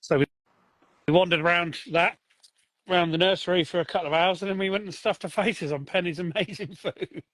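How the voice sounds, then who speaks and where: A man's voice: high voice, fairly even intonation, a little fast, a bit bright, no echo. Laughing man co-hosting a chat. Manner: jokey, laughs often. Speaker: podcast co-host. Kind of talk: casual chat.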